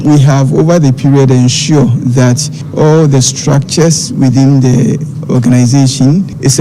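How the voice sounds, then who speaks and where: A man with a very dark, dull voice gives formal corporate remarks in halting phrases. Faint noise sits behind him. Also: mid-range voice. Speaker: company representative speaking at a launch. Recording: muffled, with faint background noise.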